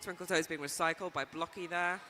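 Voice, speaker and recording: A man's voice: a little high, steady tone, brisk, pushed and bright, big-room sound. A man giving playful, joking live commentary on a roller derby game, laughing often. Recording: faint ambient noise.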